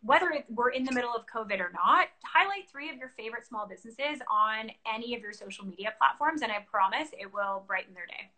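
A woman guest in a casual interview over a video call, talking with lively enthusiasm. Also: on the high side, quick pace, few pauses, rough recording. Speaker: guest entrepreneur.

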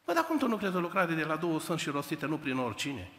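A man preaching a sermon, telling the story in an animated way and speaking straight to the congregation. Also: a little high, in a large hall. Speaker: pastor. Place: church hall.

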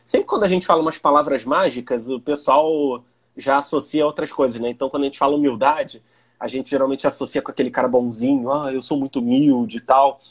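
A young Brazilian man with a Brazilian Portuguese accent chats in a laid-back way, his husky, medium-pitched voice moving fast. His casual conversation is full of fillers.

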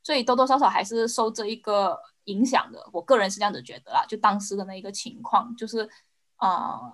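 A woman's voice: mid-range voice, steady tone, fairly quick, a bit bright. A woman in a casual discussion, searching for words and dropping English into her Mandarin. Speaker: podcast co-host.

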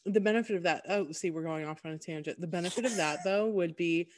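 A woman's voice: lowish voice, fast talker, a little mellow, dry recording. A woman co-hosting a podcast in casual chat, chatty with wry, dry asides. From Florida. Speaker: podcast co-host.

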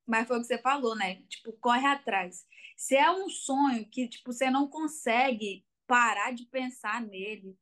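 This young adult guest, a Brazilian college soccer player with a Brazilian Portuguese accent, tells her story in a relaxed interview full of filler words. She speaks at a normal pace in a slightly high, fairly bright voice.

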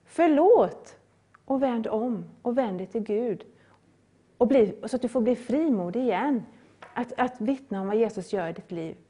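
A middle-aged woman preaching a sermon, earnest and repetitive, with loud rising appeals. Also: fairly high pitch, lively intonation, husky.

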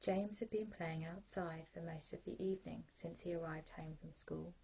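British woman doing a soothing sleep story, really breathy husky voice, mellow and gentle. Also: on the low side. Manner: gentle, calming, unhurried guidance. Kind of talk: soothing bedtime story narration for children.

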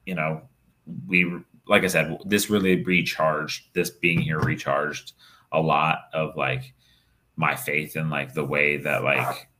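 Young male podcast co-host, extremely low voice, loose unscripted chat full of "like" and "you know". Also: little pitch movement, slow, bright, forceful tone. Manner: rambling, lots of fillers and restarts. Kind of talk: casual chat.

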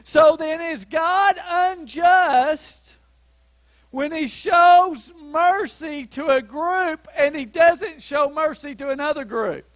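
High-voiced, slow-preaching man. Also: dry recording, low-quality recording. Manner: rising to emphatic shouts on key points; asks the congregation questions to keep them following. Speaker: pastor. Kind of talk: sermon.

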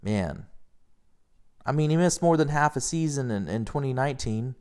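A man's voice: mid-range voice, expressive, normal speed, darkish tone, clean tone. Rambling, profane man talking baseball. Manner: rambling, profane, gets worked up. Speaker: podcast host. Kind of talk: casual sports chat.

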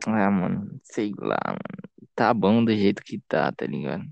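Gravelly young Brazilian man, slangy and casual. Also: fairly low pitch, lively intonation, moderate pace, a little mellow, no room sound, highs cut off. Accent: Brazilian Portuguese. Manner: informal, slangy, swearing. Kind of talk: casual chat.

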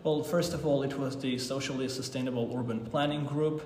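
A man's voice: mid-range voice, steady tone, brisk, darkish tone. A man, a guest on an interview podcast, explaining things earnestly and formally. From Armenia. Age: 20s. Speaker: guest, youth ambassador. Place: office in Berlin. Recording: roomy, reverberant room.

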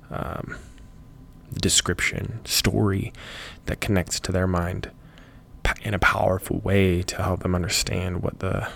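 A man speaks slowly in a low, gravelly voice, musing aloud on a solo podcast. He rambles thoughtfully and stops to correct and rephrase himself as he goes. A faint noise sits under the recording.

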